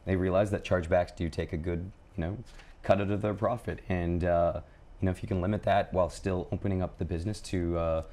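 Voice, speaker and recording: A man from Canada co-hosting a casual news chat, delivering news items in a brisk, relaxed way. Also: low voice. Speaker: co-host.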